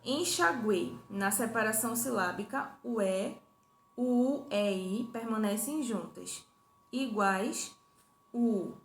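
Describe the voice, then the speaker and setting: Woman, young primary teacher, patient and repetitive, higher voice, echoey room. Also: gravelly. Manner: patient, repetitive, checking in with tag questions. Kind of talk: recorded review lesson for children. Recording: echoey room, faint hum.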